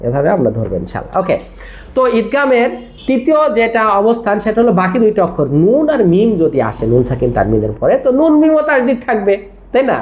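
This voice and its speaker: With a medium-pitched, darkish voice, this Quran recitation teacher leads a tajweed lesson, spelling words letter by letter and drilling them. Check-in questions to the listener come often.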